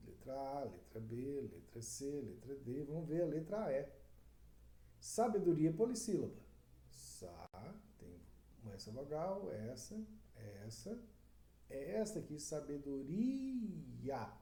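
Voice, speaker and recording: A man teaching Portuguese for exam prep with a Brazilian accent, walking through answers slowly and deliberately, counting syllables aloud. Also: medium pitch, big pitch swings, dark tone. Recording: roomy echo with faint background noise.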